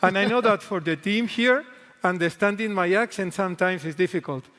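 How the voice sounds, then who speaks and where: His voice is high and fairly bright, and he speaks briskly. A middle-aged man whose native tongue is Spanish, he carries a strong accent and addresses a large convention hall from the keynote stage as a guest executive, earnest and occasionally restarting in English, his second language, in an echoey recording.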